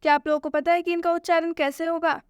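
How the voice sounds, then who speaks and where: A woman's voice: extremely high pitch, level tone, quick pace, no echo, studio quality. A woman introducing a video lesson, speaking directly to students and asking them questions. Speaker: teacher.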